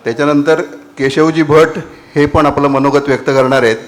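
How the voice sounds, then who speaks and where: A man's voice: on the high side, steady tone, fairly quick. A man with a Marathi accent acting as compere, formally thanking and introducing speakers at a political meeting. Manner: formal, announcing each next speaker. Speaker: event compere.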